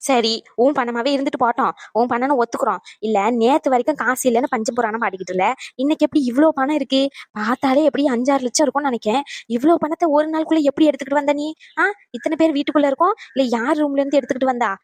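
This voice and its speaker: Woman doing a fast-talking cartoon mother-in-law, high voice, dry close mic. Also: dry recording, close to an everyday voice. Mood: questioning. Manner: questioning, brisk. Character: older mother-in-law questioning the family.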